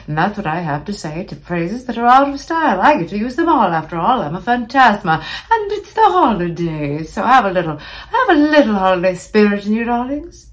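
A woman's voice: medium pitch, big pitch swings, brisk, lightly acted. Lady doing a campy drag queen type old hollywood diva ghost, grand and arch, hosting a comedy podcast. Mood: theatrical, festive. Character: campy vain old-time Hollywood movie-star ghost, female. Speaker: podcast host. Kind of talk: comic in-character podcast monologue.

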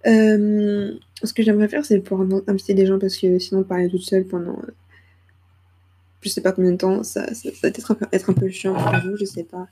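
A woman's voice: medium pitch, level tone, brisk, mellow, a little hiss or hum. A young woman hosting her own podcast, rambling casually with hesitations and self-deprecating asides, into a small microphone. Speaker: podcast host. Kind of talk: casual solo podcast chat.

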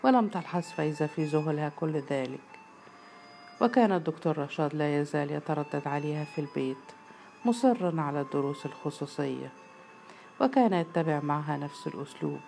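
A woman with an Egyptian accent narrating a story in a steady, storytelling way. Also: low voice, brisk, vocal fry, slight background noise. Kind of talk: story reading.

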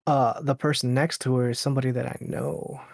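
A man's voice: medium pitch, flat delivery, a little fast, creaky, no echo, clean studio sound. A man in his late twenties, a podcast guest, telling a dating story casually, rambling with lots of fillers and laughs. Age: late 20s.

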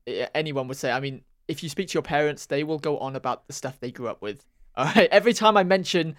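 A young man of nineteen chats on a podcast, his voice a little higher than most men's. He laughs easily and drifts through sentences with ums and half-finished thoughts. The sound is dry and close, with no room around it. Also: fast, a bit bright, dry recording. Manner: chatty, laughs often, trails off with ums. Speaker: podcast co-host. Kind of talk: casual chat.

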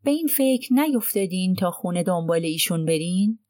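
A woman voicing a courteous, gently probing male detective in an audiobook, speaking politely and sympathetically. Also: on the low side, expressive, dry recording, studio quality, lightly acted.

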